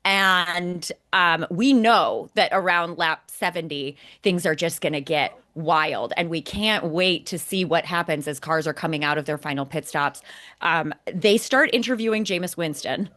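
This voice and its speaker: Opinionated and emphatic, a motorsport podcast co-host picks apart race broadcasts point by point. Her lowish voice is a bit bright and moves at a measured pace.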